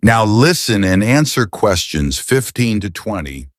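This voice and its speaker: Formal exam announcer guy, lowish voice, lots of up and down, reading instructions. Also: sing-song, unhurried, dry recording, studio quality. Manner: formal, clearly paced instructions. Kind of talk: scripted test instructions.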